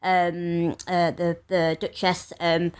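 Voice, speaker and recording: A woman co-hosting a casual chat while hungover, rambling and giggly with lots of pauses. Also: fairly low pitch, monotone, clear, resonant tone. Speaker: podcast co-host.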